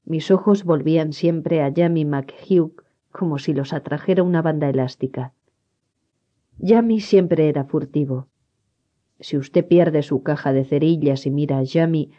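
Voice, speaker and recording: A narrator reading a first-person story aloud in a measured, even way at a mid-range pitch. The recording is dull and lo-fi, with the top end rolled off.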